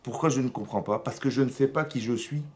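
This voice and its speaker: A man with a French accent, a rabbi giving a lively Torah lesson in a synagogue, often asking his listeners questions and raising his voice to stress points. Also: fast. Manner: animated, asks the audience questions, rises in pitch and loudness to stress points. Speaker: rabbi teaching a class.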